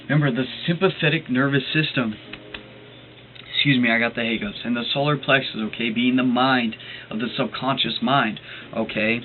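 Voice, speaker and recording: A man reading a book aloud and explaining it in his own words, hesitant and full of fillers and restarts but earnest about the subject. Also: mid-range voice. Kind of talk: reading aloud with spoken commentary. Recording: tinny phone-like recording with faint noise.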